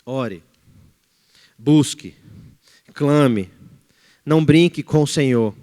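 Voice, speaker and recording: Man, Brazilian accent, fervent preacher, fairly high voice, long church-hall reverb. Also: drawn-out words. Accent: Brazilian Portuguese. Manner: fervent, swings from loud exhortation to hushed pleading. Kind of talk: sermon.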